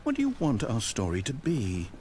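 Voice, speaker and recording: A man's voice: mid-range voice, wildly swooping pitch, moderate pace, a little mellow, slight background noise. A man with a British accent voicing a fussy, pompous video game narrator who talks in a wordy, grandly dramatic way. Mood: coaxing.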